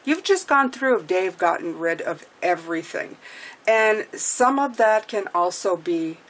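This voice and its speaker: In this clip, a French woman gives a casual tarot reading in English with a French accent, her voice fairly low, a little slow and fairly bright, with lively intonation. Chatty and reassuring, she keeps checking in by ending lines with "okay?"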